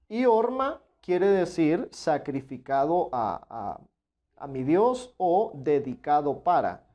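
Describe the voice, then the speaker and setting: A man delivering a Bible study sermon in a warm, mellow voice. He speaks earnestly to his listeners as brothers and drives his points home with emphatic repeats. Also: a little high, dull audio. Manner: emphatic, repeats "claro de que sí". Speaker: preacher.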